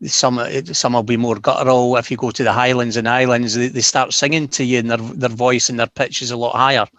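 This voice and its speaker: Slow, flat-voiced Scottish man from Fife. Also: mid-range voice, dry recording. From Scotland. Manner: deliberately slowed, careful speech. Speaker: panelist. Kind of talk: casual panel discussion.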